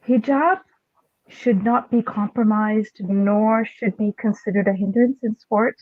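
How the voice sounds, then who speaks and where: A woman hosting a podcast, making her points in a measured, formal way. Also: mid-range voice, no echo. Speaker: podcast host. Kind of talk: podcast discussion. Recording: dry, dull lo-fi audio.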